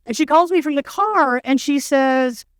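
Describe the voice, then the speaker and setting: This middle-aged conference speaker tells stories with dry, self-mocking wit during a keynote on an indoor stage. His very high-pitched voice moves at a moderate pace, captured in a dry, studio-quality recording.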